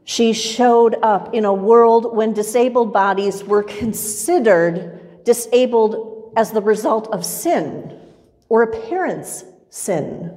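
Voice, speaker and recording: A middle-aged woman pastor preaching a sermon from a pulpit in a church, in a measured, rhythmic style with much repetition. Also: on the high side, a little mellow. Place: church sanctuary with pipe organ, far camera. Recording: long church reverb.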